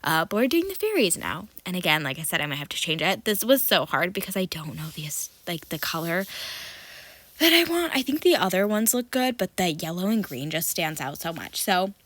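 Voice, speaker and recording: A woman's voice: on the low side, big pitch swings, brisk, a bit bright. A woman with a nasal voice chatting casually in a voice-over, rambling and correcting herself with lots of ums and likes. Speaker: doll collector vlogger.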